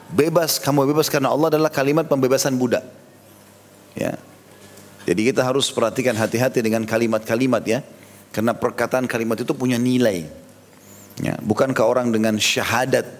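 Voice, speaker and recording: A man giving a religious sermon, telling stories and acting out the dialogue of the people in them. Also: medium pitch. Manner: storytelling, acting out quoted dialogue. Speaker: preacher. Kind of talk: Islamic sermon. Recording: long reverb.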